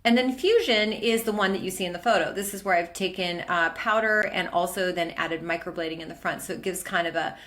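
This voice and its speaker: Woman, middle-aged, lowish voice, permanent makeup trainer, chatty, enthusiastic, fillers. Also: fairly quick, few pauses, a bit bright. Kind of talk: presenting a training lesson over slides.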